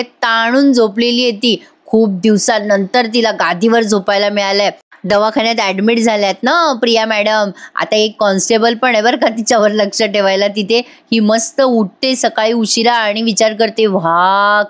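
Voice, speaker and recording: A woman giving a chatty voice-over review of a TV serial episode, talking directly to her viewers. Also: medium pitch.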